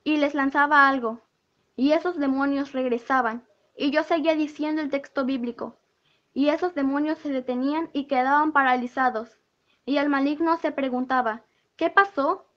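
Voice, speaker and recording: A woman with a high voice recounts a spiritual vision as an earnest testimony. She keeps quoting the dialogue word for word. The recording sounds dull and lo-fi. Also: steady tone, moderate pace. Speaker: church member giving a testimony.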